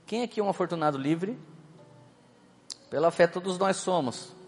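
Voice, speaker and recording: A man's voice: high-pitched, expressive, normal speed, a little mellow. A man with a Brazilian Portuguese accent preaching a humorous sermon as a pastor, chatty and joking, often acting out little scenes as he tells stories. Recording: hall reverb, faint background music.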